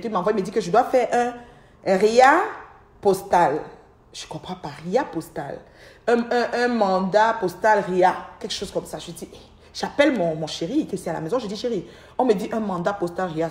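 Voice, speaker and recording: A middle-aged woman tells a long, rambling story to her livestream viewers, often restarting and repeating words. Her voice has a middle pitch for a woman. The recording is echoey, as in a bare room at home. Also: lively intonation, brisk, a little mellow. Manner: chatty, speaks straight to her viewers. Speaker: livestream host. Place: at home, by an aquarium. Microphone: livestream device mic.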